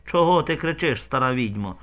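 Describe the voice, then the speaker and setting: A man voicing a coarse, domineering village boss who barks orders gruffly. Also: mid-range voice, animated, fairly quick, a bit bright, close to an everyday voice. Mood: angry.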